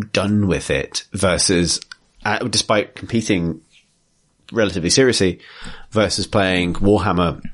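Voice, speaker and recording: Deep-voiced man musing over hobby games. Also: a bit bright. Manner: thoughtful, hesitant, many fillers. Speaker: podcast co-host. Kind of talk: casual chat.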